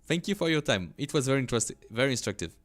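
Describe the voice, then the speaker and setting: A man's voice: mid-range voice, big pitch swings, very fast. A male streamer giving casual, jokey gameplay commentary, rambling and stammering as he talks.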